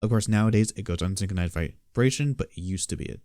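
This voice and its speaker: A man giving a casual spoken beatbox tutorial, explaining in a relaxed, matter-of-fact way. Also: fairly low pitch, fast talker, no echo, studio quality.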